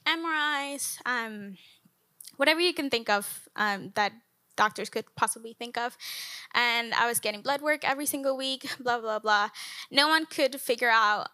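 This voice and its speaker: Bright-voiced young woman from Colombia. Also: a little high, no room sound. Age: young adult. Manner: earnest, frequent ums. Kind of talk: personal testimony at church event.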